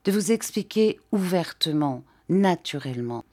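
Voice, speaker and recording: A woman reading an audiobook, voicing a dignified older mother who speaks in a measured, gently reproachful way. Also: lowish voice, lively intonation.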